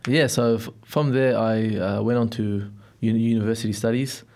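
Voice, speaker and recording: A young man from Melbourne, Australia, answers interview questions as a guest in a studio, reflective and hesitant. His voice is fairly low and darkish, with fairly even intonation at a normal speed.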